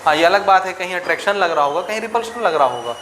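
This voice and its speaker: A man teaches physics to a class in a slightly high voice, working numbers out aloud and asking students for answers. The room is echoey, with faint noise behind him. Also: lively intonation, fast, fairly bright tone. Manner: asks students questions, works sums aloud. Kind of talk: classroom lecture.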